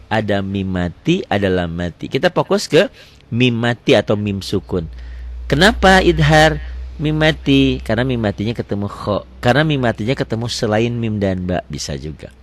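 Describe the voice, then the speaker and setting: A man teaching tajwid. He quizzes the class with his own questions and recites verse examples slowly and drawn out. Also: medium pitch, very animated. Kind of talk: tajwid lesson.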